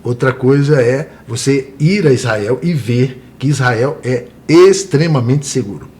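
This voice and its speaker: A man's voice: mid-range voice, unhurried, darkish tone. A man from Brazil, a tour guide, speaking earnestly as an interview guest and often adding tag questions.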